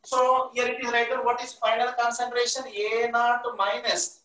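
A man's voice: very high voice, monotone, moderate pace, bright, forceful tone. A man with an Indian accent teaching a live online class, repeating himself and prompting listeners to finish his sentences. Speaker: chemistry teacher. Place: classroom at a blackboard. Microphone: distant camera microphone. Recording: echoey, distant room microphone.

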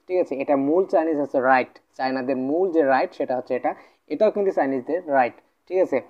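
A man's voice: on the high side, highs cut off. A man teaching a vocabulary lesson in a casual, repetitive way, often checking in with the viewer. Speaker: language tutor.

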